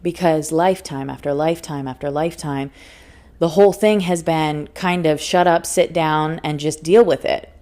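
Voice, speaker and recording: A deep, warm voice with fairly even intonation at normal speed belongs to a woman hosting a solo spiritual self-help podcast. A life coach, she gives a motivational talk earnestly and emphatically, often laughing and repeating phrases for emphasis.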